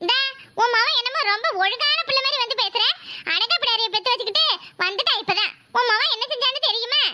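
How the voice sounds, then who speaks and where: A woman with a Kanyakumari Tamil accent voicing a sharp-tongued, complaining young village wife and mother in a cartoon. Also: very high voice, fast, noisy background. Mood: quarreling. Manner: nagging, quarrelsome. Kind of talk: cartoon voice acting.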